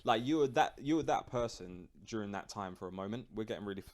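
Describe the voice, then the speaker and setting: Low-voiced London man chatting casually. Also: animated, quick pace, darkish tone, slight background noise. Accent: London British. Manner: slangy, conversational. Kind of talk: casual chat.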